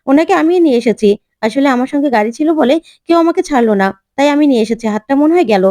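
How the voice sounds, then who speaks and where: A woman voicing a defiant, quick-tempered young student who talks back indignantly. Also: high voice, dark tone, dry recording, studio quality, close to an everyday voice. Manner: indignant, argumentative.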